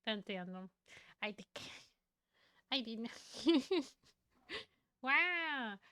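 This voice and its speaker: Excitable high-voiced bilingual woman streamer. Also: slow pace, clean tone, no room sound, studio quality. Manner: excitable, switches between English and Spanish, swears casually. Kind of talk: casual bilingual live-stream chat.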